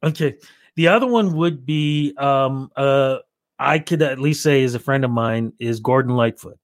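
In clean, dry studio audio, a middle-aged Canadian man who works as a radio reporter shares stories during an interview. His mid-range voice moves at a measured pace, and he animatedly performs both voices of phone conversations from memory.

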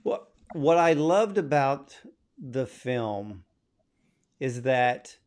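A man interviewing a filmmaker, framing his questions at length and with clear admiration before he asks them. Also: medium pitch, animated, extremely slow, a little mellow.

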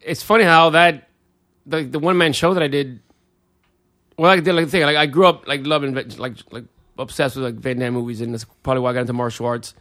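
A middle-aged man in casual chat, telling excitable stories and calling everyone dude. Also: medium pitch, fast. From United States. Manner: excitable storytelling, says dude a lot.

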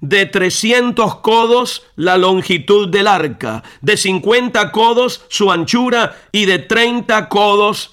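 Brief: God, ancient and awe-inspiring, voiced by a male preacher, grave, measured and high-pitched. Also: bright, forceful tone, full character voice.

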